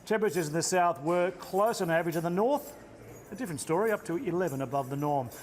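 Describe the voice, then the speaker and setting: A man's voice: high-pitched, lively intonation, fast. A man with an Australian accent presenting a TV weather forecast from an outdoor location, in a playful, jokey way.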